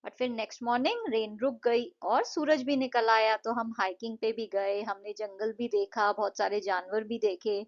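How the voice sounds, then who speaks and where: A woman explaining an English lesson to children, patiently repeating words slowly to show their syllables. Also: on the high side, fairly even intonation, dull audio. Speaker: English tutor.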